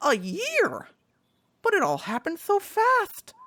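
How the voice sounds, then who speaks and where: A woman's voice: very high-pitched, huge pitch swings, slow, fairly bright tone, voice pushed up, heavily acted. A woman voicing Fenton, an anxious, earnest male duck accountant, flustered and hesitant, in a live comic dub.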